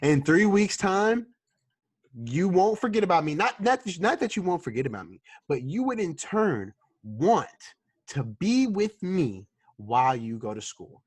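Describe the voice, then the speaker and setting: A man's voice: sits high, sing-song, unhurried, breathy edge. A man in his twenties, casually chatting as a podcast host, slangy and given to repeating words as he tells a story. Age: 20s. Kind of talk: casual chat.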